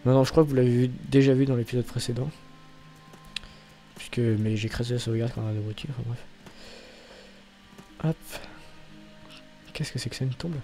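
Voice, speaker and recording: A man's voice: mid-range voice, fairly even intonation, moderate pace, long pauses, warm tone, faint music behind. A young man giving casual, rambling commentary as he plays a video game, often swearing and cutting himself off. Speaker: gaming channel host. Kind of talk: casual let's-play commentary.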